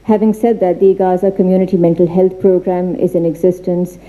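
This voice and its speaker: A woman giving an earnest seminar talk in an institute library, halting often with fillers and restarts. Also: lowish voice, flat delivery, mellow, poor audio. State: becoming emotional. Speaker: seminar speaker. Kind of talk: formal seminar talk with slides.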